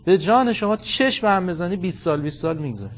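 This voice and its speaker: A middle-aged man delivers a religious lecture, his voice pitched a touch high. He shifts between hushed asides and loud, stressed phrases. The recording sounds dull and muffled. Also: expressive, slight background noise. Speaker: cleric lecturer.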